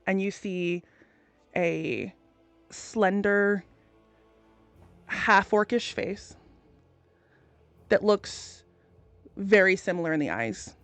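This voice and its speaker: A woman's voice: mid-range voice, very slow, long pauses, dry recording, soft background music. A woman improvising narration as game master of a tabletop game, informal and given to swearing.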